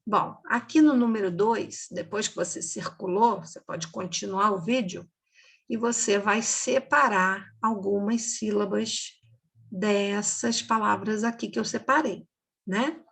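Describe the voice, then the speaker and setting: A woman teacher giving a slow, patient recorded reading lesson for children, repeating words and checking in with "ok?". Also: medium pitch, gravelly, breathy edge.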